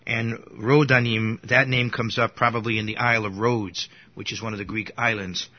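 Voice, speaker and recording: At normal speed and with flat delivery, a low-voiced man wanders through an informal Bible lesson. Restarts and asides fill his talk, punctuated by the odd cough, and the sound quality is dull and lo-fi.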